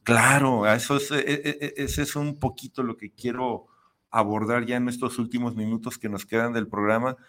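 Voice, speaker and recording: A man's voice: mid-range voice, fairly even intonation, moderate pace, fairly bright tone. A man hosting a radio talk show, speaking hesitantly and searching for words. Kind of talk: conversational interview.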